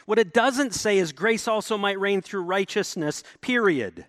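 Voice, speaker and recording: Animated male preacher, dry close sound. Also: a little slow, dry recording. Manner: animated preaching, rising to emphatic declarations then dropping low. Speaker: pastor. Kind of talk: sermon.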